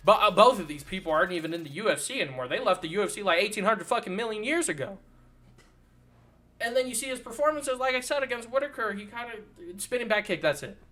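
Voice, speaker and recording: A man's voice: high-pitched, animated, quick pace, pushed and bright. A man hosting his own channel, ranting about fighters in casual, sarcastic commentary full of swearing. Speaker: channel host.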